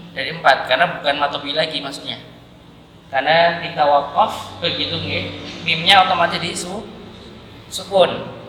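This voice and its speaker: In a large, echoey mosque hall full of people, a man with a Javanese Indonesian accent teaches a Quran recitation class, patiently drilling syllables aloud through repetition. His voice is on the high side, with background noise.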